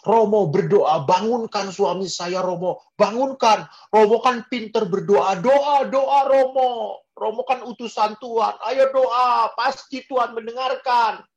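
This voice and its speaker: Male preacher putting on a distraught widow, high shrill begging, frantic. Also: measured pace, hardly any pauses, lo-fi sound, lightly acted. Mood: desperate pleading. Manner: crying out, begging repeatedly. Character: grieving widow, shrill, pleading desperately.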